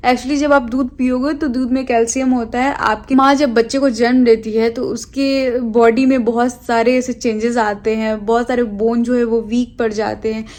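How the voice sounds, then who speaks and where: A young adult woman vlogger chatting casually to her viewers, rambling and pausing often to search for words. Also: high-pitched, a little mellow. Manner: chatty, rambling, with frequent hesitations. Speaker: lifestyle vlogger. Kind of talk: casual chat to camera.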